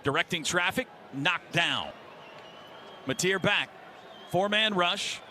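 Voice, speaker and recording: A high-pitched, pushed and bright voice takes its time here, belonging to an American man calling football play-by-play on radio. He uses clipped short phrases in a stadium broadcast booth, and the live sportscast has faint noise.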